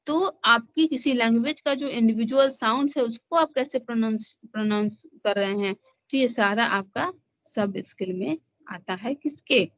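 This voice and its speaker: A woman's voice: fairly high pitch, normal speed, a bit bright, no echo. A woman teaching an online class, who mixes Hindi and English and asks and answers her own questions. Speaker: teacher-educator. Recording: dull lo-fi online class audio.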